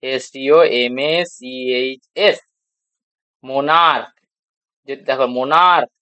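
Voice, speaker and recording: A man with a Bengali accent teaches English grammar to beginners. He spells out letters and answers his own questions patiently. His voice sits at a middle pitch, recorded dry and close. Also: fairly even intonation, takes it slowly, bright, forceful tone, no room sound. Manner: asks rhetorical questions and answers them, repeats spelled letters. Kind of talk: classroom grammar lesson.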